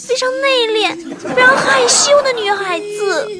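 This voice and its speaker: A woman's voice: extremely high pitch, animated, unhurried, voice pushed up. Lady doing a lovesick cartoony bun girl, coy n dramatic, voice swooping way up, crowd noise. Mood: coy, smitten. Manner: coy, gushing, melodramatic. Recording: music and audience noise behind.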